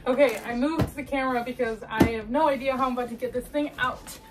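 A woman's voice: a little high, fairly even intonation, quick pace, recorded from a distance, loud music behind the voice. A young woman casually chatting through an unboxing, gushing and laughing, a bit out of breath as she struggles with the box. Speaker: collectibles unboxing vlogger.

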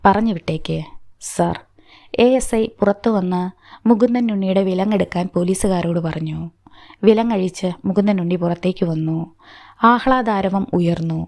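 A woman storyteller giving a measured, scripted audiobook narration of a novel. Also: medium pitch, a little mellow, dry recording, studio quality.

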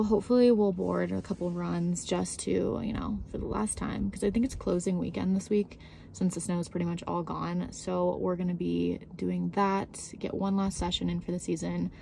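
A woman's voice: fairly low pitch, creaky, warm tone, slight background noise. Chatty young woman vlogging on a phone. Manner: chatty, laughs often. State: hungover with a headache. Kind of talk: casual vlog chat. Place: car interior and outdoors on a forest trail. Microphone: phone at arm's length.

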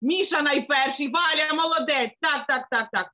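A woman's voice: high-pitched, normal speed, bright, forceful tone, rough recording. A woman leading young children through a finger-exercise lesson over a video call, coaxing and sing-song, with constant praise. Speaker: children's teacher.

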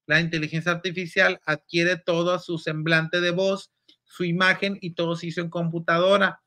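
A campy, exclamatory man hosts a gossip chat. His voice sits high and sounds bright and sharp. He reads viewer comments aloud with flair. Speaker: show host.

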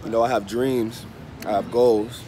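Stuffy-nosed man vlogging over clear background noise. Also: medium pitch, fairly even intonation, warm tone. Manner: unhurried, halting, often repeating phrases. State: under the weather with a cold. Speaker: travel and language vlogger. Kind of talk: casual chat to camera. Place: open-fronted hostel bar or cafe. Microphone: phone held at arm's length. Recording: noisy open-air cafe with traffic. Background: street and vehicle ambience.

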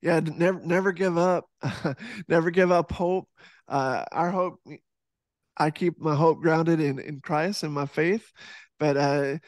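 Sitting in a home room with a poster behind him, this Texan in his thirties, a fitness instructor and author, is a podcast guest on a casual video call. He talks earnestly but keeps restarting and filling gaps, his slightly high voice at a measured pace. Through his headset mic on a boom arm, the sound is clean and studio-like, without echo.

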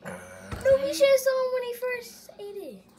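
A woman's voice: very high-pitched, a little slow, very noisy. A young female chatting casually at home, recorded on a phone camera. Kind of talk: casual chat. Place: room at home.

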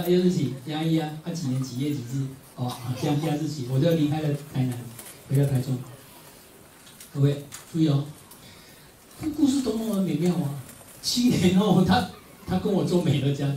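A middle-aged man with a Taiwanese Mandarin accent gives a motivational speech, telling stories in an animated way with frequent laughter and emphatic repetition. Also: a little high, moderate pace. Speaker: motivational speaker. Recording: echoey hall, distant mic, faint noise.

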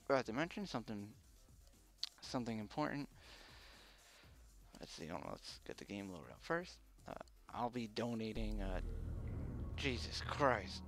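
A man livestreaming casually and haltingly, his voice muffled by a face mask. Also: on the low side, vocal fry, a bit bright. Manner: halting, hesitant, unpolished first-time streamer. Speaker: live streamer. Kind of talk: casual unscripted livestream chat.

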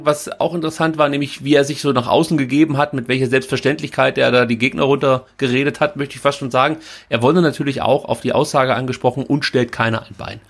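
A man co-hosting a football podcast, picking apart a quote in casual, wry analysis. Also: mid-range voice. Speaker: podcast co-host.

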